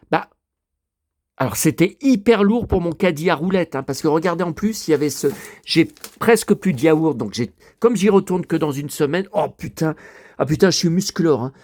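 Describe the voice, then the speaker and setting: A man's voice: on the high side, expressive, normal speed, a little mellow, dry recording, studio quality. Chatty man in his fifties, rambling. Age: 50s. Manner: chatty, rambling, swears often; breathless from carrying heavy bottles. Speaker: vlogger. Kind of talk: casual chat to camera. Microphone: handheld camera held while talking.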